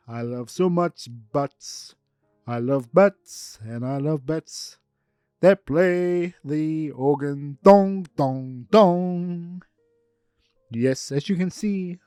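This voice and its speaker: A man voicing a pompous male vampire count who loves his organ, declaiming slowly and grandly. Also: on the high side, a little mellow, smooth, no echo, studio quality.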